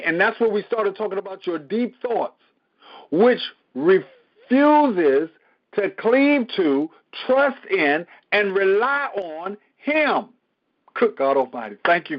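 A male pastor teaching a Bible study, who repeats phrases and swings from a low murmur to loud emphasis. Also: lo-fi sound.

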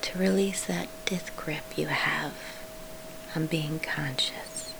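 Woman whispering a sleep meditation really slowly, soft spa voice, crackly low tone, some hiss behind. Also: fairly even intonation, gravelly. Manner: slow, pausing between short phrases. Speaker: guided meditation leader.

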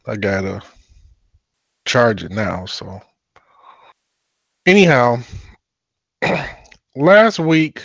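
Slow, breathless man teaching Bible study. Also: no room sound. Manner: halting, deliberate, with frequent throat clearing. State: short of breath. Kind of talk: religious teaching on a live call-in. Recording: muffled, dull low-fidelity audio.

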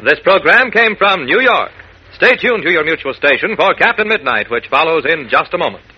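A man's voice: a little high, very animated, moderate pace, husky. An American man reading a scripted network sign-off as an old radio announcer. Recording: muffled old radio broadcast with music.

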